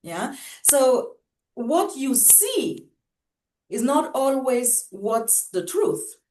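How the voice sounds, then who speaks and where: A German woman co-hosting a casual talk show, speaking English thoughtfully with measured pauses. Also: sits high, big pitch swings, a little mellow, echoey room. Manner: thoughtful, measured, with frequent um and mm-hmm. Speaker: co-host. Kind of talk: casual conversation.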